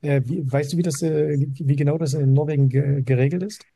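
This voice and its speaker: A man hosting a podcast interview in a casual, halting way, with many fillers and restarts. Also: on the high side, steady tone, mellow, breathy edge. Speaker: podcast host. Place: Dubai.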